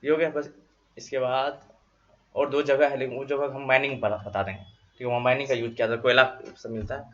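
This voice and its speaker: A man teaching a classroom geography lesson, dictating notes slowly and quizzing his students with repeated questions. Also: medium pitch, fairly even intonation, a bit bright. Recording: dull lo-fi classroom recording.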